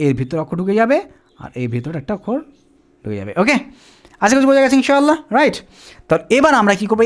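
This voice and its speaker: Patient whiteboard teacher, animated up-and-down delivery, self-answering questions. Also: mid-range voice. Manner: asks questions and answers them, repeats "ঠিক আছে?". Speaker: Quran reading teacher. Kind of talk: whiteboard lesson, explaining step by step.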